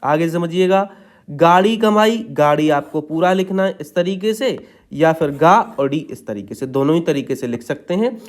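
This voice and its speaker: A man's voice: on the high side, animated, moderate pace. A man teaching shorthand in a patient step-by-step tutorial, checking in after each point.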